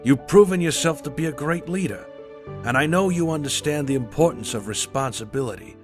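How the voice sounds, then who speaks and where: A man playing a proud, watchful father who reads a letter to his grown son in a measured, earnest dramatic voice-over. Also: fairly high pitch, expressive, lightly acted. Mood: proud, solemn. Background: music.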